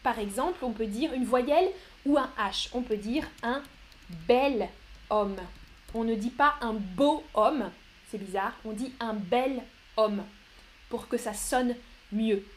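Woman, high voice, young adult, teacher, live online lesson, explains students' answers. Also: measured pace. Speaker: French teacher.

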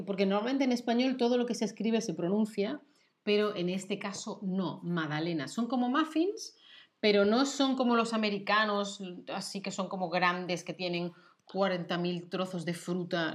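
Spanish woman host, casual chat, patient teacher-like explaining, mid-pitched. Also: moderate pace. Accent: Spain Spanish. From Spain. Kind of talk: casual chat with a language lesson.

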